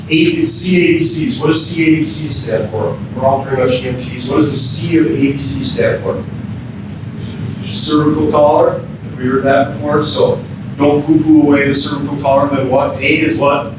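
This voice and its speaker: Speaking steadily and a little slowly, a Minnesota-born emergency physician delivers a keynote training session for firefighters, keeping it informal and frequently questioning the audience. The distant mic captures heavy echo and a low rumble.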